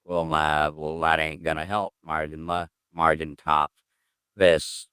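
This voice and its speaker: A man with an extremely deep, smooth and resonant voice talks himself through a coding session in a casual way. He mutters, hums and trails off as he thinks aloud. The recording is dry and close, with no room echo. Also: level tone, takes it slowly, sharp tone. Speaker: programmer streaming his coding work.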